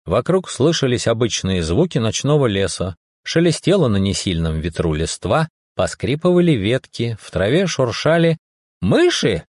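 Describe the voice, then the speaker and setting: A man narrating a first-person adventure audiobook in an expressive, dramatic way. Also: medium pitch, normal speed, no room sound, studio quality.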